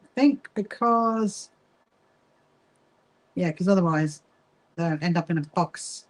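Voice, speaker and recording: The audio is poor, and a woman with a lowish voice speaks slowly as she hosts a livestream for a quilting association. A chatty Englishwoman from the south coast with a Kentish-Sussex lilt, she sews and chats casually, greeting viewers and answering their comments.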